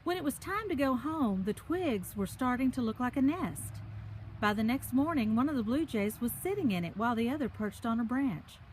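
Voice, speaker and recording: A children's story reader with a fairly high, expressive, slightly mellow voice reads a picture book outdoors on a park trail at normal speed. She speaks directly to the young listeners in simple, chatty, encouraging asides. The rough recording has a little hiss or hum.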